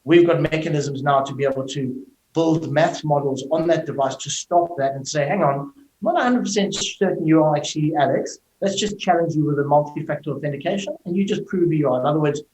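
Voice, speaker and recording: Brisk and slightly high, with a somewhat mellow tone, a middle-aged South African tech executive appears as a video-call interview guest, explaining fluently and leaning on "you know." There's roomy echo and slight background noise.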